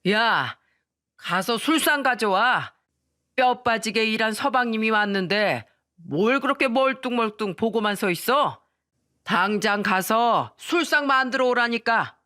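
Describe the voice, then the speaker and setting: A woman voicing a drunk, bullying middle-aged father who yells coarse orders, in a dramatized radio story. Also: on the high side, lively intonation, a little slow, pitched above the performer's own voice. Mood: drunken bullying.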